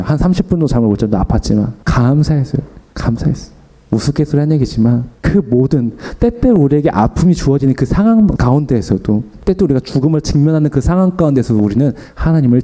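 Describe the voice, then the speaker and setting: Fast-talking young male preacher, dark tone. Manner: storytelling with acted-out quotes and self-deprecating humor; animated, pitch jumps up for emphasis. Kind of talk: sermon.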